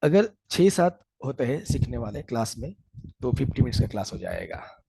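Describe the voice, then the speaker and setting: Guy explaining english sounds, slow careful english bits, kind of husky. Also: medium pitch, sing-song, mellow, dry recording, low-quality recording. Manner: slow and deliberate when speaking English. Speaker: English teacher. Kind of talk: explaining a course and pronunciation.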